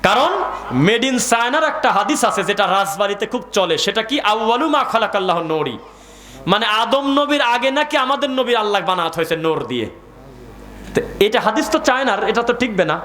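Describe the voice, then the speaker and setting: A Bangladeshi man delivers a sermon at a religious gathering. His voice sits high and sounds bright and cutting. He keeps quizzing the listeners and drops into recited Arabic verses. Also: animated, quick pace. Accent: Bangladeshi Bengali. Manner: call-and-response with the crowd, reciting Arabic verses. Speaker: preacher.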